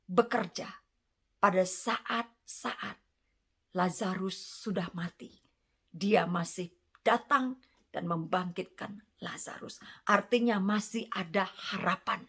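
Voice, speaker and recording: A woman's voice: medium pitch, vocal fry, fairly bright tone. A middle-aged woman giving an earnest sermon, addressing her listeners directly and mixing in English words. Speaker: preacher.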